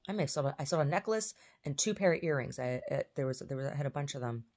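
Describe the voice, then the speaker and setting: A woman's voice: low-pitched, expressive, fast talker, darkish tone. A woman vlogging in a casual, rambling way, often trailing off and restarting her sentences.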